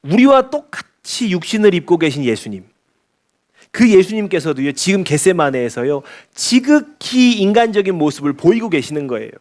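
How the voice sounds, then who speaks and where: Animated, high-voiced man preaching a sermon. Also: moderate pace. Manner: conversational preaching with frequent rhetorical questions. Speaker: pastor. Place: church service.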